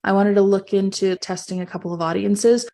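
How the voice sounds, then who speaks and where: Speaking fairly quickly with a medium, fairly even pitch, this woman has a warm tone with some vocal fry. As an online entrepreneur and coach, she delivers an earnest, emphatic motivational monologue, repeating phrases for stress.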